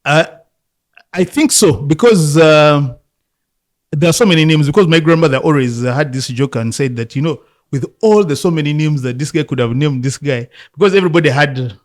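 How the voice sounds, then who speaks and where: This football coach from Uganda, in his fifties and a first-language Luganda speaker, has a fairly high pitch and talks at normal speed. In a laid-back interview he reflects on his life story, laughing often.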